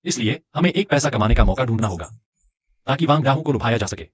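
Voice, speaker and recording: A man's voice: mid-range voice, expressive, fast talker, close to an everyday voice. A man voicing a shrewd young man who stands up to a bully and plans his revenge in a dubbed drama. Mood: scheming. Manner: defiant, determined.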